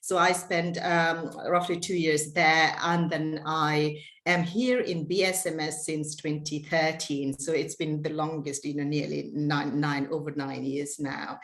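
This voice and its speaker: A woman's voice: low-pitched, little pitch movement, unhurried, fairly bright tone, roomy sound. A woman from Nepal in her forties, a senior lecturer giving an online seminar about her career, chatty with many fillers and restarts. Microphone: video call.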